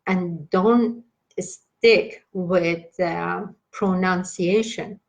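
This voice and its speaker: A woman leading a meditation class, giving slow, halting instructions with many pauses and fillers and repeating gentle reassurances. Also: lowish voice, steady tone, vocal fry, poor audio. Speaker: meditation teacher.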